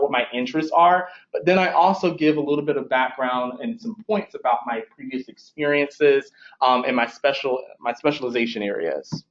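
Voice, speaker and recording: Dull lo-fi recording; young male career advisor, mid-pitched, talking with braces, conversational workshop delivery with frequent rephrasing. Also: reverberant. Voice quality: speech slightly impeded by braces. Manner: conversational, repeats and rephrases himself. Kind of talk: informal instructional presentation.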